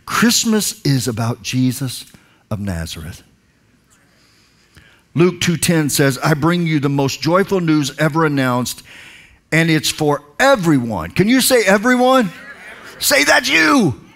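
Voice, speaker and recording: A man in his forties preaching a sermon on a dark stage through a headset mic, swinging from hushed lines to loud emphatic calls. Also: a little high, big pitch swings, unhurried. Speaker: pastor. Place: large dark stage, indoors.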